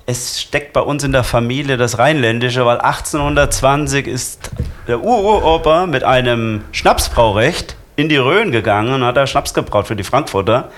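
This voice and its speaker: A man from Lower Franconia, a guest chatting casually about carnival plans with many hesitations. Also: moderate pace, a bit bright. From Lower Franconia, Germany. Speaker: carnival club member, guest. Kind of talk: casual radio chat.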